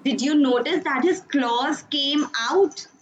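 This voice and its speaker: A high-pitched woman leads an online class for young children, coaxing them along and praising them often. Her voice comes through a dull, muffled video-call line. Steady background noise hums underneath. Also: slow pace. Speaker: teacher.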